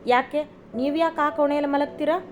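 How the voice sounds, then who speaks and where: A woman's voice: on the high side, little pitch movement, moderate pace, a little hiss or hum, natural voice. A woman voicing a young wife who pleads with her husband, close to tears. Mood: pleading. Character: young wife, anxious and tearful, loving. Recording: slightly dull recording, faint music.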